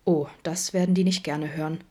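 A woman reading a male detective in an audiobook-style podfic, smooth and quiet, dropping into hushed threats. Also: low-pitched, fairly even intonation, brisk. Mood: softly threatening. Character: calm charming male detective, softly menacing.

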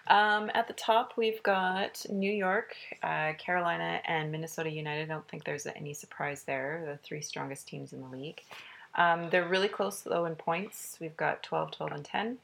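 A woman's voice: deep voice, fairly even intonation, normal speed, gravelly, a bit bright. A woman co-hosting a soccer podcast, running through results and standings with frequent fillers. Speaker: podcast co-host. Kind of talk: casual sports chat.

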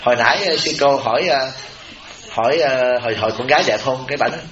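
A man's voice: medium pitch, quick pace. A man with a Southern Vietnamese accent, a Buddhist abbot giving a humorous, chatty dharma talk to a retreat audience. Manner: chatty storytelling, animated when quoting others. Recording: roomy, dull, noisy temple hall recording.

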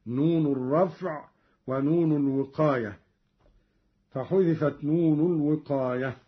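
Slow, measured man on old radio. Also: a little high. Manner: measured, quotes verses in slow chanted demonstration. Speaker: Quran recitation teacher. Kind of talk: formal explanation of recitation variants. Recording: dull lo-fi old radio broadcast.

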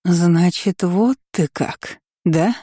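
A woman voicing a furious, scheming middle-aged baroness who talks in a slow, shrill and cutting way. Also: mellow, breathy edge, no room sound, clean studio sound, full character voice.

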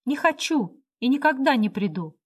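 A woman reading the part of a proud, hot-tempered young woman who speaks in shrill, agitated outbursts. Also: big pitch swings, moderate pace. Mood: defiant.

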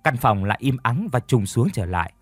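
A man narrating a scripted story in a steady, measured way. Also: mid-range voice, no room sound. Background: faint music.

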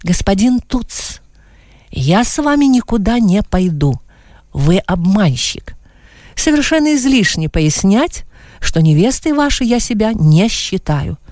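A woman's voice: on the high side, very animated, normal speed, darkish tone, no room sound, studio quality, voice pushed up. A woman voicing a proud young woman who speaks coldly and firmly. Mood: icy. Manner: cold, firm.

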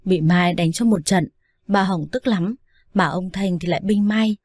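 Low-voiced woman reading a story. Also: measured pace, no room sound, clean studio sound. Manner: steady, even storytelling. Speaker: narrator. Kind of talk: scripted audiobook narration.

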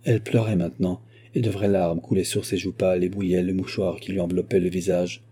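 Guy reading an old novel aloud, steady and measured, low husky dark voice. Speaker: audiobook reader. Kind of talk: scripted narration.

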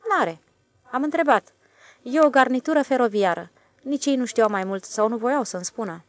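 O femeie jucând un șef de gară tărăgănat. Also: female voice, fairly high pitch, animated, no room sound, voice pushed up, lightly acted. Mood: drawling. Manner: drawling, knowing. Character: older male station master, calm, self-satisfied. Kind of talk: audiobook character voice.

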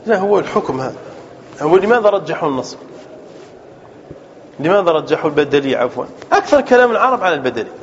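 Man, grammar teacher, high lively voice, quizzes the class, dull recording with faint room noise. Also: quick pace, long pauses. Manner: asks students questions and answers them, repeats key terms.

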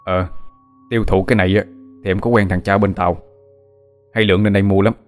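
A man voicing an eager, excitable young village man in a ghost story. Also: deep voice, fast talker, soft background music, lightly acted. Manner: excited, rising to frantic shouts.

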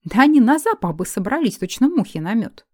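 A woman's voice: mid-range voice, animated, a little fast, mellow, no room sound, studio quality, lightly acted. A woman voicing a panicky, hysterical adult male elf teacher who keeps pleading and breaking into nervous outbursts in a storybook reading. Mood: agitated.

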